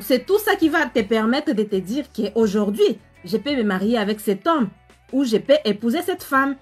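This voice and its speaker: A woman's voice: sits high, husky. Chatty woman coach telling a story live. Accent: African French. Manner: chatty, animated, addresses viewers directly, many fillers. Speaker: live-stream host and relationship coach. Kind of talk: casual live-stream storytelling, greeting viewers.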